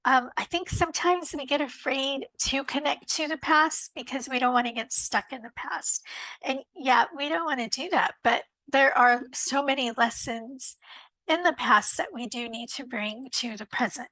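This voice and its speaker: A woman giving a casual tarot card reading, speaking in a searching way with frequent pauses and restarts. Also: high voice, pushed and bright, no room sound, low-quality recording. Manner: slow and searching, many ums and restarts. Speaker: tarot reader.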